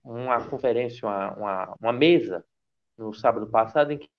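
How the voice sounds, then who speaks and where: A man's voice: mid-range voice, brisk. A man from Ceará, giving an online academic lecture in a hesitant way, with many restarts. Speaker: guest lecturer. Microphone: video call. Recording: dull lo-fi video call audio.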